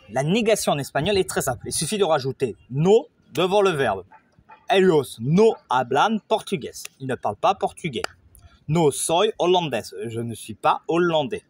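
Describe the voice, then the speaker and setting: Male teacher, somewhat high and husky, informal joking delivery. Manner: informal and joking, with frequent "voilà" and "hein". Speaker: language teacher. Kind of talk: casual explanatory lesson.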